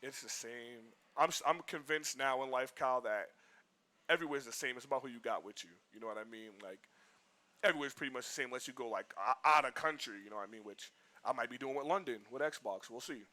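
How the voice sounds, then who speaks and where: Brief: man for a stream co-host, rambling and animated, crisp bright tone. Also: medium pitch, fast talker. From Boston, US. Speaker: livestream co-host. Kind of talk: casual chat.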